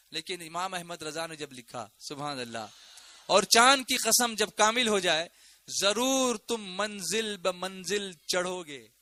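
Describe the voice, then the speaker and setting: High, very bright-voiced male preacher. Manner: exhorting, urges the crowd to respond; recites Quranic verses in Arabic. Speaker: religious preacher. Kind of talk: fervent sermon speech.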